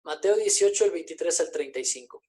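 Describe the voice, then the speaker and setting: A woman's voice: fairly low pitch, expressive, a little fast, warm tone. A woman preaching a sermon, emphatic, repeating her key phrases and asking the congregation rhetorical questions.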